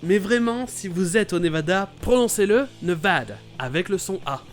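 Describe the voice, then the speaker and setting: Man, high-pitched voice, playful explainer narration, soft music underneath. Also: moderate pace. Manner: lively, playful, exclamatory. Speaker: YouTube host explaining English pronunciation.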